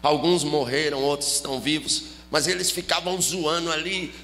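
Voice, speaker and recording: A man preaching his personal testimony as a lively story, rising into a chanted, sing-song preaching cadence. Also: on the high side, moderate pace, long reverb tail. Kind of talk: testimony sermon, storytelling with acted dialogue.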